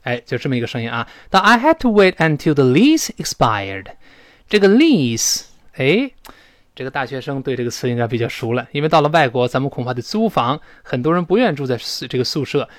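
A Chinese man teaching an English pronunciation lesson in Mandarin, drawing English words out slowly to model them. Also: mid-range voice, expressive, no room sound. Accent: Mandarin-speaking teacher.

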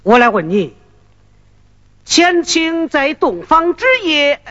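A man's voice: very high-pitched, sing-song, takes it slowly, sharp tone, dull audio, heavily acted. An actor playing an older male official who questions a girl and coaxes her to speak, in stylized Henan opera delivery. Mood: coaxing. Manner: drawling, coaxing, wide swooping stage speech. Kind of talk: Henan opera stage performance.

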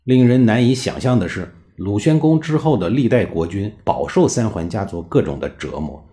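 A man narrating history as a chatty storyteller who drops in colloquial drawn-out particles. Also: fairly low pitch, animated, dark tone.

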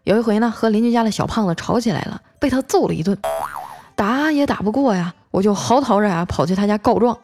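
A woman's voice: mid-range voice, lively intonation, quick pace, a little mellow. A young woman hosting a comic audio show, telling funny stories and reading listener messages in a chatty, playful way. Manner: chatty, playful, trails phrases with 啊. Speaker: podcast host.

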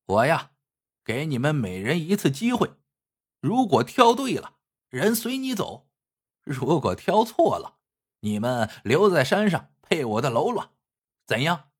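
A male storyteller voicing a scheming mountain bandit chief who taunts in a drawn-out, teasing way. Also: a little high, sing-song, slightly rough, exaggerated voice. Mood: taunting.

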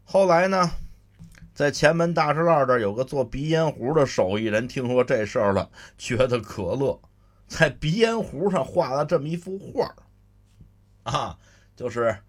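A man's voice: medium pitch, expressive, moderate pace. A man with a Beijing accent performing solo comic storytelling, chatty, with explanatory asides to listeners. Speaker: solo crosstalk comedian.

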